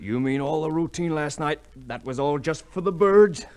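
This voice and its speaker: A man's voice: on the high side, normal speed, a little mellow, close to an everyday voice. An actor playing an easygoing, teasing young man in an old radio comedy-drama. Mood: indignant. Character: easygoing, teasing young suitor, a family friend.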